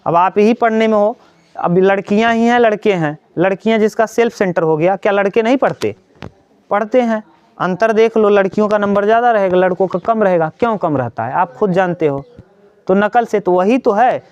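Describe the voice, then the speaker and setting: A male teacher gives students an earnest motivational lecture, repeating himself and posing questions he answers. His voice sits a little high for a man. The sound is dry and slightly muffled. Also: normal speed, a little mellow, clean tone, no room sound. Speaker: coaching teacher. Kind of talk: motivational talk to students during a maths class.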